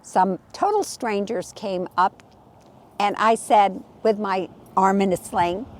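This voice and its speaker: Out on a lakeside golf course trail, a woman agent from California tours a lakeside community on foot, chatting warmly and telling stories. She speaks slowly in a medium pitch, and a little hiss or hum can be heard.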